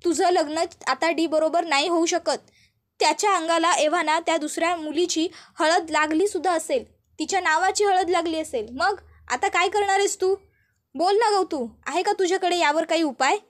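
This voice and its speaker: A woman's voice: very high voice, normal speed. A woman voicing a beaten-up young man who pleads and keeps repeating a pet name. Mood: pleading. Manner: pleading, repeats her nickname.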